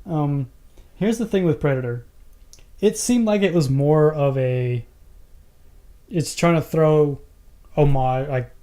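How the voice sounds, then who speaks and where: A man's voice: a little high, takes it slowly, pauses often, warm tone. A man co-hosting a casual podcast, chatting and joking about movies. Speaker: podcast co-host.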